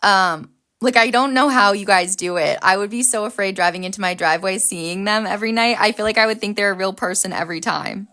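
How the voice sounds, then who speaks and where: Woman, livestream host, bright chatty voice, upbeat and reacting to chat. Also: mid-range voice, brisk.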